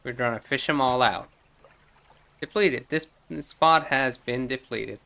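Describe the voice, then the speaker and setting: A man playing a game and chatting excitedly, reading on-screen text aloud as he goes. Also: mid-range voice, a little slow. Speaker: gaming streamer. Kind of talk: casual let's-play commentary.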